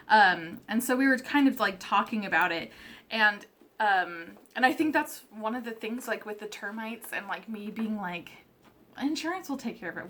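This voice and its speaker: A woman's voice: mid-range voice, a bit bright. A young woman chatting casually to camera on her own show, rambling with many likes and ums and laughing often, in an upbeat Valley girl manner. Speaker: tarot channel host.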